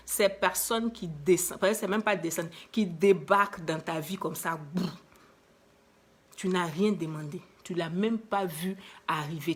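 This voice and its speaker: A woman with an Ivorian French accent giving an inspirational talk to viewers, emphatic and lively, full of rhetorical questions and repeated phrases. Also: fairly low pitch, husky. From Ivory Coast. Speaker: motivational speaker.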